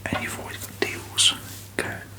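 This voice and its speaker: A person whispering an ASMR review very softly, with tingly mouth sounds and halting, unhurried phrasing. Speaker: ASMR video host.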